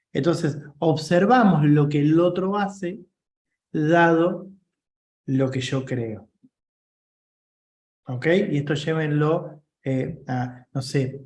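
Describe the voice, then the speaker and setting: A man's voice: a little high, a little mellow, echoey room. A man with a Rioplatense Spanish accent, giving an informal leadership coaching class and checking in often with his listeners.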